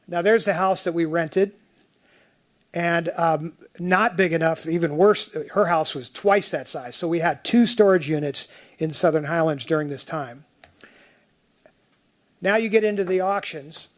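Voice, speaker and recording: Brief: male appellant giving testimony, somewhat high voice, chatty and rambling, keeps restarting sentences. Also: measured pace. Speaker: taxpayer appellant testifying at a tax appeal hearing. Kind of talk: spoken testimony walking through slides.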